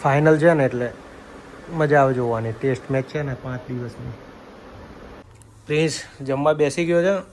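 A man's voice: mid-range voice, moderate pace, long pauses, a little mellow, a little hiss or hum. A man vlogging casually from his family home, chatty and teasing, talking to his viewers while feeling a bit feverish. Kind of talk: casual family vlog narration.

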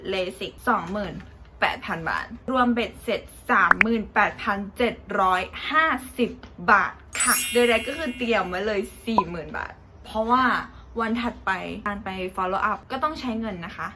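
A young woman vlogger telling a casual, animated story about her own experience, chatty and loose with slang. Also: medium pitch, moderate pace. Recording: loud background noise.

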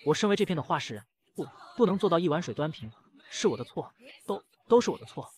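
A man's voice: fairly high pitch, animated, fast talker, natural voice. A man voicing a cowering male gang boss who stammers and begs for mercy in a comic retelling. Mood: pleading. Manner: pleading, stammering.

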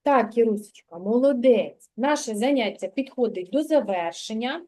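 A woman teaching a young child to read in a kindergarten lesson, speaking slowly and patiently with lots of praise. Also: a little high, lively intonation, warm tone. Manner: slow, patient, praising, sing-song. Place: kindergarten classroom.

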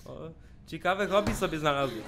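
A young man casually commenting on a video game as he plays, cracking jokes, swearing often and shouting at the screen when things get tense. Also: a little high, lively intonation, moderate pace. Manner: jokey, swears a lot, yells at the screen in tense moments. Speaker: let's play gamer. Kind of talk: casual let's play commentary.

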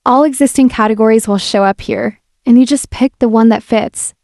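A woman's slightly high voice, with a touch of vocal fry, moves at a moderate pace through a relaxed, friendly step-by-step explanation of an app. She's a software demo presenter doing a casual screen-recorded voice-over walkthrough on a voice-over mic. The sound is clean studio quality, with no room sound.

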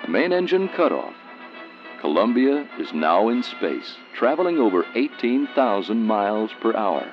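A man narrates a scripted documentary in a measured, explanatory manner. His pitch moves in a lively way, on a dull archival soundtrack with faint music.

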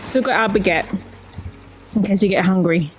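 A woman's voice: mid-range voice, fairly quick, low-quality recording. A woman in her thirties, a sailing vlogger, chatting enthusiastically while cycling along an island coast, filming herself with a camera at arm's length. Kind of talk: casual vlog chat. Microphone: camera held at arm's length. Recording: music playing under the voice.

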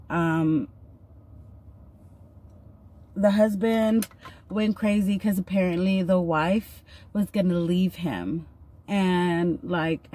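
Recorded on a phone camera at arm's length in a parked car, a thirty-something vlogger applies makeup while telling a personal story. Her lowish voice has a dark tone. She comes across as chatty and earnest, leaning heavily on filler words.

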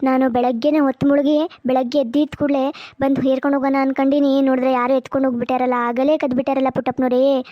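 A high, fast-talking young coconut vendor in a cartoon, voiced by a woman. He pleads in a flat, mellow tone. The sound is dull and lo-fi, dry. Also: dry recording, lightly acted. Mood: pleading. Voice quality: pleading, repeats the farmer's name. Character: young male coconut vendor, anxious and in debt.

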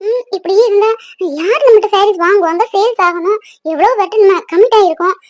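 A woman's voice: very high voice, fairly quick, no echo. A woman voicing a restless young pregnant woman in a cartoon, grumbling to herself. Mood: fretful.

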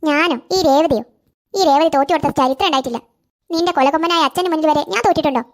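A woman's voice: high-pitched, natural voice. Revathi, a woman doing a spiteful stepmother. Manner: boastful, scornful, rapid-fire. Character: scheming proud stepmother, spiteful and boastful. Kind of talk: cartoon voice acting.

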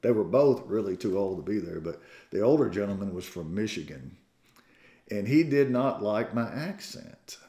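A man's voice: on the low side, expressive, normal speed, warm tone. A man in his sixties with a Southern American accent, preaching a sermon as pastor with folksy storytelling and self-deprecating jokes. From Southern United States. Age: 60s. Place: church sanctuary. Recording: echoey church room.

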